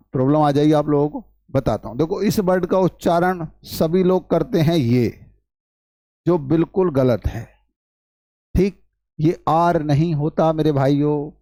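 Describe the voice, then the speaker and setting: In a classroom lecture, a man with a Hindi accent teaches English grammar, working through it step by step and putting questions to the class. His voice sits on the high side with a warm tone, recorded at studio quality with no echo.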